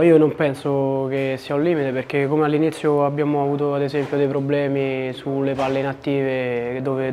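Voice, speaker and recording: Young man, flat measured post-match talk. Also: mid-range voice, a little hiss or hum. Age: young adult. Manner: measured, hesitant with fillers and restarts. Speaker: footballer, defender. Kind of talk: post-match press interview. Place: indoor press area at a stadium. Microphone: several broadcaster handheld mics at close range.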